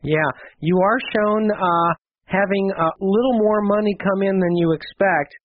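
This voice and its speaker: A man's voice: high voice, steady tone, a little slow, slight background noise. A man hosting a call-in radio show, giving chatty, reassuring astrology readings to callers. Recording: slightly dull radio broadcast.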